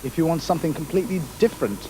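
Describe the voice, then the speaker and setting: A middle-aged man from Kenya, a navy petty officer answering interview questions in an unhurried, hesitant way with many fillers. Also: on the high side, animated, dark tone, slight background noise, poor audio.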